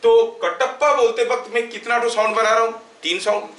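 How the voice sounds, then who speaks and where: A man teaching a physics class, often asking questions and slowly dictating notes. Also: very high-pitched, steady tone, fairly bright tone. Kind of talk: classroom lecture mixing Hindi and English. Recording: echoey room, voice from far off, faint hiss.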